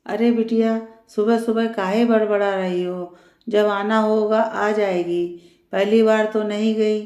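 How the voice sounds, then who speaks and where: A woman voicing a complaining, sharp-tongued older mother-in-law in a storybook reading. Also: mid-range voice, steady tone, a little slow, roomy sound, lightly acted. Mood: chiding. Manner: complaining, taunting.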